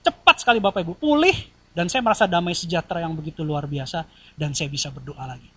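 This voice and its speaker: A male pastor preaching a sermon in a church, lively and animated, acting out quoted voices. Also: on the high side, fast talker, husky. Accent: Indonesian.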